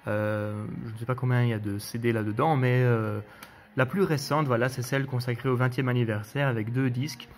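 A man hosting a casual spoken review of his collection, relaxed and hesitant, with frequent fillers and restarts. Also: medium pitch, a little fast, slight background noise.

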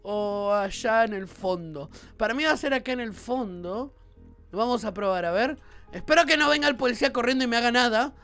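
A man with a Rioplatense Spanish accent giving let's-play commentary, excitable and often bursting into shouts. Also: very high voice, a little fast. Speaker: gaming YouTuber.

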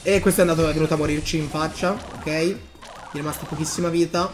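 Excitable high-voiced man commenting on gameplay. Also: fast, over music. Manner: excitable, bursts of hype, talks to viewers as "raga". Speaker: gaming YouTuber.

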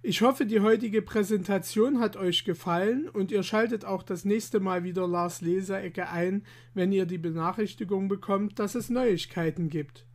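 A man hosting his own channel, reading a rhyming children's tale aloud with expressive, measured delivery and lively voiced quotes. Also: high voice. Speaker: children's storyteller and channel host.

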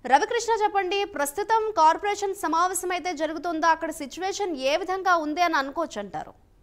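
A woman news anchor reading a formal bulletin in a crisp studio delivery, then handing over to a reporter. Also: extremely high pitch, fairly quick.

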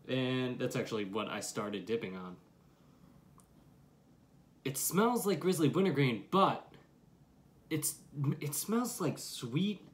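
A young adult man giving a casual product review to camera, with slangy talk and plenty of swearing. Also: medium pitch. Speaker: dip review vlogger. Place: small room at home, curtain behind.

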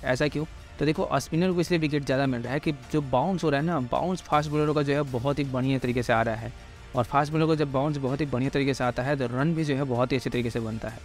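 Delivering a cricket pitch report, this Indian presenter talks to his audience directly in a mid-range voice. His informal analysis tends to repeat its explanations.

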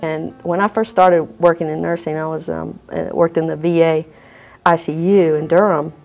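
A woman working as a nurse, sharing a personal story in a halting, reflective way. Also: sits low, fairly even intonation, gravelly, darkish tone, soft background music, rough recording. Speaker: hospice nurse.

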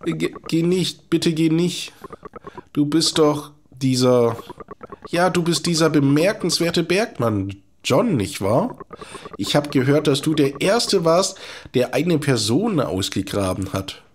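A man's voice: fairly high pitch, big pitch swings, slow, a little hiss or hum, pitched above the performer's own voice. A man voicing a nervous, chatty middle-aged quack doctor, reading game dialogue aloud in a rambling, pleading way. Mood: fussy, chatty.

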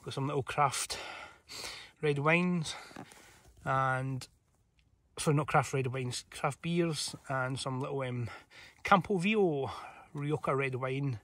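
A man's voice: medium pitch, slow pace, a bit bright. A middle-aged man talking casually to camera from inside a small tent, easygoing and chatty with lots of ums. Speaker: outdoor vlogger. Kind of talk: casual camping vlog chat. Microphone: handheld camera close to the face.

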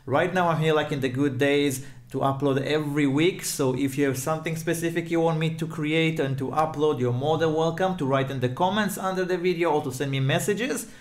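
A man's voice: fairly high pitch, a little fast, few pauses. A man introducing a music tutorial in a loose, chatty way, his voice carrying a big hall-like echo from an untreated home studio. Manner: loose, chatty, searching for words. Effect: strong room reverb like a big hall echo. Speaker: music producer and tutorial host. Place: new home studio without acoustic treatment, echoey room. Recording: reverberant untreated room.

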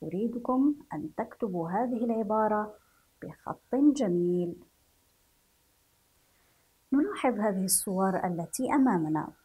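A woman from Yemen teaching a children's reading lesson, spelling syllables slowly and repeating each word for the class to follow, with gentle praise. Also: medium pitch, animated, slightly rough. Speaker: primary school teacher.

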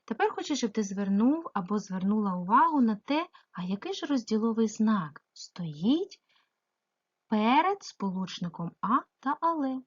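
A female primary school teacher giving a remote grammar lesson, asking the pupil questions and answering them herself, stretching example words slowly. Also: a little high, sing-song, slightly rough, dull audio. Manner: slow, sing-song emphasis on example words; addresses the pupil directly, asks and answers herself.

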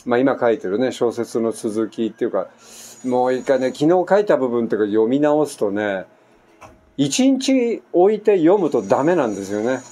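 This man, a Japanese vlogger in his 60s, casually spins an animated yarn with frequent digressions at a moderate pace and in a mid-range voice. He's at home on an island, and faint construction noise drifts in.

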